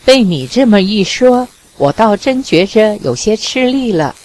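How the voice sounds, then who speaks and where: A shy, guarded young woman who speaks in a bashful, slightly lifted tone, as a woman reading an audiobook voices her. Delivery stays slow and measured. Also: mid-range voice, sing-song, darkish tone. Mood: polite.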